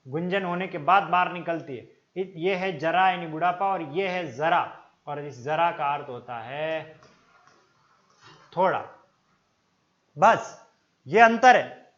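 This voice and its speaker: A man with a Rajasthani Hindi accent teaching an exam-prep Hindi grammar lesson, explaining slowly and repeating words to stress how they are pronounced, calling his viewers friends. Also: on the high side, fairly bright tone. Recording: dull lo-fi sound.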